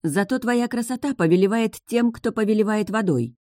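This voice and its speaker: A woman's voice: on the low side, fast talker, mellow, no room sound, studio quality, close to an everyday voice. A woman voicing a bold young mermaid heroine who speaks urgently and insistently.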